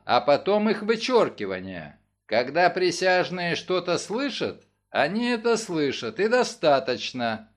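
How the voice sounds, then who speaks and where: A man voicing an indignant middle-aged coroner who lectures the room. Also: fairly high pitch.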